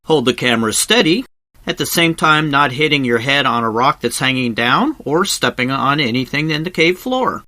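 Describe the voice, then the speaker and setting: Animated male travel narrator with a bright voice. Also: mid-range voice, normal speed, dry recording. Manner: conversational, wry asides, explanatory. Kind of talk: scripted voice-over narration, informal tour guide. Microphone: close voice-over microphone, recorded separately from the cave.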